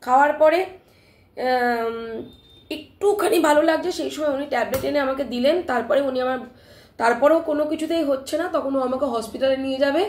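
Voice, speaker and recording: A woman retelling a personal scare to her live-stream viewers in an animated, emphatic way, often checking in with her listeners, while her throat is still sore. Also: high-pitched, brisk, roomy sound, slight background noise. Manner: animated, emphatic retelling with frequent "ঠিক আছে?" check-ins. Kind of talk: casual live-stream storytelling.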